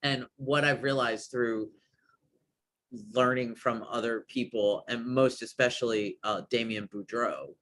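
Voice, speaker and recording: A man's voice: mid-range voice, steady tone, a little slow, a bit bright. A man guesting on a podcast, talking casually and enthusiastically, with many "like"s and restarts. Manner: enthusiastic, rambling, lots of "like".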